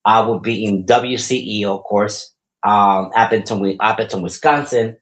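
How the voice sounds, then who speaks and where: Speaking at a moderate pace in a lowish voice, a man in his forties chats casually and upbeat on his solo podcast. He's a wrestler as well as a host, and he tends to repeat words as he rambles.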